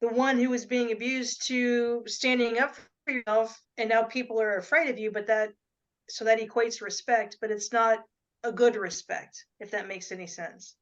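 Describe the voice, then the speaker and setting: Woman host, fairly high voice, affirming and reflective, kinda muffled audio. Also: fairly even intonation, normal speed. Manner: affirming, reflective, sums up the guest's story. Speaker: interview host. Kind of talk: interview conversation.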